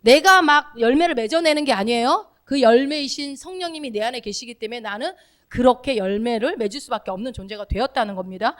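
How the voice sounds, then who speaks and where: A woman preaching a sermon in a conversational way, asking the congregation questions and acting out short spoken commands. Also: high-pitched.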